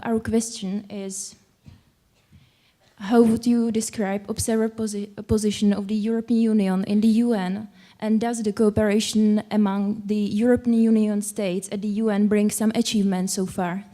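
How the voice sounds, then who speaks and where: A young woman with a Czech accent asks a careful, polite question as a student delegate. Her voice is mellow and warm, and her pitch stays level throughout. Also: level tone, normal speed. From Czech Republic. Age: young adult.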